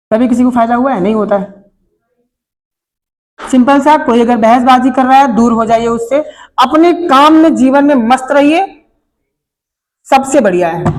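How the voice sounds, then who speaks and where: A man's voice: very high-pitched, a little mellow. A man who teaches at a coaching institute, speaking in Hindi with a north Indian accent as he gives his class earnest, moralizing life advice and keeps putting rhetorical questions to them.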